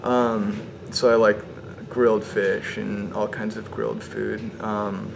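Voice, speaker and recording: A relaxed young man from Hawaii talks through his answers item by item. His voice is low and flat. Some background noise is heard. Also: slow, gravelly. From Hawaii and Southern California. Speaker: interviewee. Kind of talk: casual interview answers.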